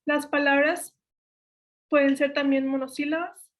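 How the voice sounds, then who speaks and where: A woman's voice: high-pitched, unhurried. A young woman with a Mexican Spanish accent steadily explaining spelling rules step by step, correcting herself now and then. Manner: steady list-like delivery, self-corrects. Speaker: workshop instructor.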